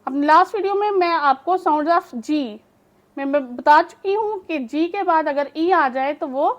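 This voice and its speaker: A woman English teacher giving a phonics lesson, patiently explaining and repeating each word aloud for practice. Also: high voice. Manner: patient explaining, mixes English words into speech.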